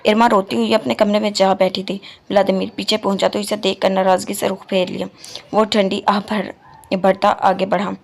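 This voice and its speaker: A woman's voice: mid-range voice, little pitch movement, normal speed, gravelly. A woman narrating a romance novel as an audiobook, reading every character's lines in her own voice.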